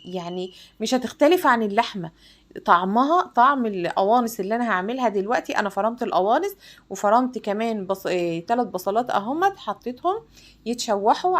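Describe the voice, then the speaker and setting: A woman with an Egyptian accent hosting a home cooking tutorial in her kitchen, chatting directly to viewers as she works. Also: medium pitch. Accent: Egyptian Arabic. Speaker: cooking show host.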